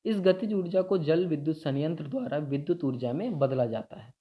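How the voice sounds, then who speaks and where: A man's voice: fairly high pitch, expressive, fairly quick. A man explaining a school science lesson step by step, often checking in with his students. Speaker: teacher. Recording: dull lo-fi sound.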